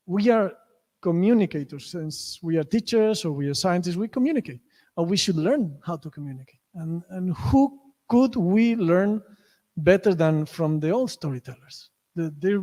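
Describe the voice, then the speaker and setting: A man with a Spanish accent, a native Spanish speaker, giving a conference lecture with many restarts and self-corrections. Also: high-pitched. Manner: many restarts, acts out story lines loudly. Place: lecture hall. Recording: reverberant lecture hall.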